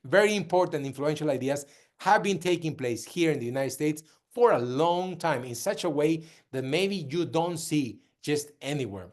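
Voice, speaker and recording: Earnest man from Peru, slightly high voice. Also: animated, normal speed. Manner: earnest, with frequent restarts and repetition. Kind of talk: direct-to-camera talk.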